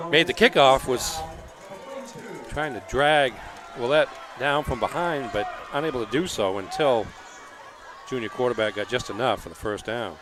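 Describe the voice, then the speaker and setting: A man with a mid-range voice provides color commentary at an outdoor high school football game. He explains the plays in a conversational way.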